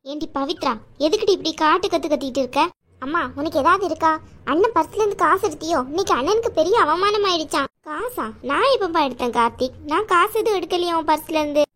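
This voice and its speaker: A fretful middle-aged mother in a cartoon, put on by a woman, questioning her children anxiously. The voice sits high but somewhat lower than her other roles. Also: animated, quick pace, a bit bright. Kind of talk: animated cartoon voice acting.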